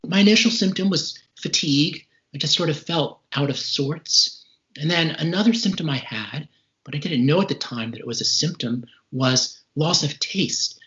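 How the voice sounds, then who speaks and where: A slightly breathless man in his forties, recovering from a serious respiratory illness, recounts his personal experience as an interview guest. His voice is fairly high-pitched and a bit bright, at a moderate pace. The audio is muffled, a dull lo-fi call recording.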